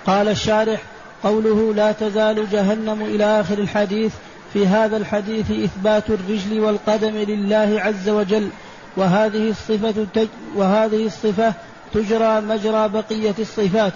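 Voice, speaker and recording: A man with a high, very flat voice reading a religious text aloud in a steady recitation, sometimes stopping to restart a word. It sounds like a muffled old lecture tape with a faint hiss. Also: normal speed.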